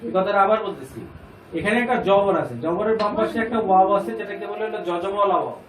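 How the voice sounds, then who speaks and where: A man's voice: high voice, fast. A man teaching a class how to read the Quran, patiently repeating each point and putting questions to the students. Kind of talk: classroom lesson. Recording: echoey room, distant mic, faint noise.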